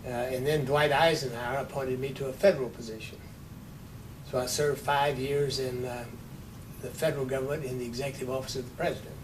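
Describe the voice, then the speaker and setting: A man in his nineties from Texas, telling stories from his life in an unhurried way with dry humor in an oral history interview. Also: fairly even intonation. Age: 90s. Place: office with large windows. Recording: distant mic, rumbling noise.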